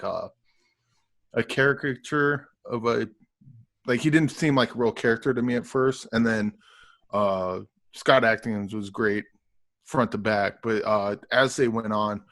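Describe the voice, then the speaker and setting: Give me a man reviewing a film on a podcast, mid-pitched, hesitant and full of fillers. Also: fairly bright tone. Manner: halting, lots of ums and uhs. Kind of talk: casual podcast chat.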